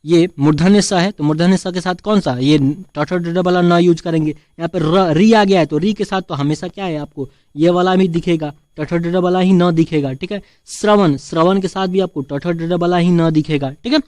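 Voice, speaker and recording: A man's voice: high-pitched, a little mellow, no room sound, studio quality. A man teaching a Hindi spelling lesson, answering his own questions and adding "theek hai" often. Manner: addresses viewers as friends, frequent "theek hai".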